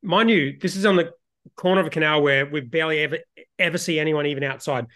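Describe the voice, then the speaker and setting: A man's voice: fairly high pitch, fast, a bit bright. A man with an Australian accent co-hosting a casual chat, blunt and sweary as he talks and tells stories. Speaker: beer show co-host.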